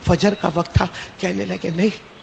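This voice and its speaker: Give me a male preacher with a gravelly voice, prompting his audience as he tells a story in an echoing hall. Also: sits high, flat delivery, darkish tone. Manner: call-and-response, prompting listeners with "bolo"; repetitive, emphatic storytelling. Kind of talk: storytelling sermon. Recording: echoey hall with faint noise.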